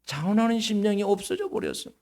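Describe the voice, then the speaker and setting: A man preaching a sermon as pastor, asking the congregation direct questions and swinging between loud and hushed delivery. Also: high voice, lively intonation, quick pace.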